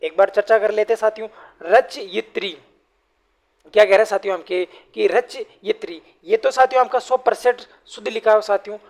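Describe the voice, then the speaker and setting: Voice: mid-range voice, brisk. Repetitive, rhetorical woman teacher. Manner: asks rhetorical questions and answers them herself; keeps addressing the listeners as friends. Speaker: exam-prep teacher. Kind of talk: online exam-prep lecture.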